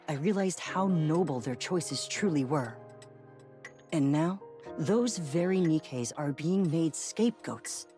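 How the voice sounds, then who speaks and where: Formal corporate envoy with a robotic voice changer. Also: male voice, fairly high pitch, darkish tone. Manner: formal, measured, persuasive. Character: composed man speaking through a robot voice changer. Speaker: corporate representative. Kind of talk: video game voice acting.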